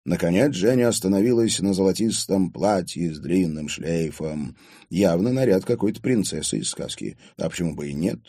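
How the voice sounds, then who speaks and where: A man narrating an audiobook in lively, dramatic storytelling style. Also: deep voice, moderate pace, slightly rough, no room sound, clean studio sound. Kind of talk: scripted narration.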